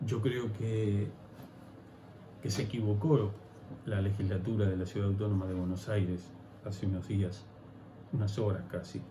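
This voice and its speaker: A man with a Rioplatense Spanish accent preaching a sermon as pastor, swinging from hushed pleading to loud emphatic preaching. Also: fairly low pitch, little pitch movement, normal speed, pauses often, echoey room, noisy background.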